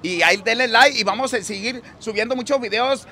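A man's voice: extremely high pitch, a little fast, bright, forceful tone. A man with a Sinaloa Mexican accent, chatting jovially and rambling in a casual street interview outdoors, laughing often. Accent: Sinaloa Mexican Spanish.

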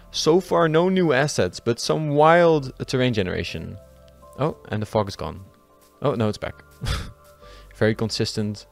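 A young man giving excitable let's-play commentary, swearing freely and chatting to his viewers. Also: on the low side. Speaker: gaming YouTuber.

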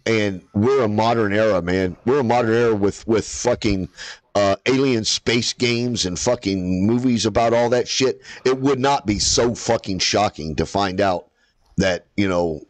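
A man chatting casually with gaming friends, animated, swearing freely and laughing often. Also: on the low side, measured pace, dry recording.

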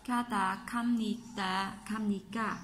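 A woman with a Vietnamese accent, a Korean teacher explaining textbook exercises and patiently repeating each example sentence slowly. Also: mid-range voice, fairly even intonation, fairly bright tone, slight background noise.

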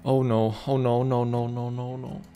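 At home indoors, a young man plays a video game on stream with game music in the background. His voice is mid-range, level, and mellow at a moderate pace. His commentary is relaxed and playful, with repeated words and a slightly numb-sounding mouth.

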